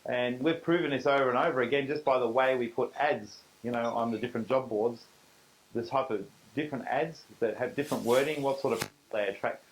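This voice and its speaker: A man's voice: medium pitch, fairly quick, a little hiss or hum, poor audio. A middle-aged Australian man presents a business seminar to a live audience. He talks in an easy, conversational way and leans hard on key points. He often acts out little bits of dialogue in the same voice.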